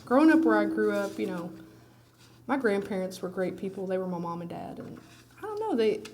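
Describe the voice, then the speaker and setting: Between songs at a cozy live set, a singer-songwriter chats loosely and openly, full of "like" and "you know," her voice thick and groggy from allergies. She speaks fairly quickly in a sing-song, darkish mid-range voice over slight background noise.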